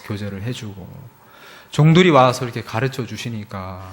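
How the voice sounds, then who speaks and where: Male missionary, testimony sermon at a church gathering; lively swinging delivery, voices quoted dialogue himself. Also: on the low side, moderate pace. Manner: animated storytelling, acting out quoted dialogue; frequent filler words, emotional emphasis. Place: church service.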